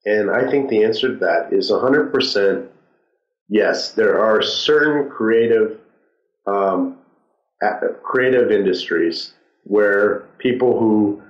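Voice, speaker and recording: Man, muffled as if behind a wall, dull lo-fi sound, roomy echo, low voice, halting with fillers. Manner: halting, thoughtful, many fillers. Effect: muffled, as if heard through a wall. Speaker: entrepreneur guest. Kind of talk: podcast interview answers.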